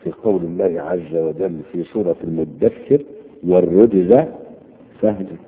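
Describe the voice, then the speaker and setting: A low-voiced Egyptian man teaches Quranic vocabulary, pausing to quiz his listeners. His voice is gravelly. The recording is tinny and narrow, with a long hall echo trailing each word. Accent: Egyptian Arabic. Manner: quizzing listeners with repeated questions. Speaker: religious teacher. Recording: tinny phone-like audio with long hall reverb.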